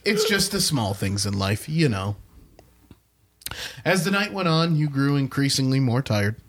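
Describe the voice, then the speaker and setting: A man's voice: mid-range voice, expressive, a little slow. A man co-hosting a podcast, casually reading a horror story aloud and breaking off to joke.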